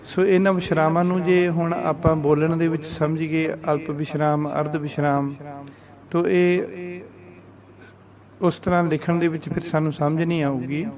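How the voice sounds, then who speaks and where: A man teaching a scripture pronunciation lesson, reciting verses slowly and deliberately and repeating corrections. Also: on the high side, little pitch movement, crowd noise. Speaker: Gurbani teacher.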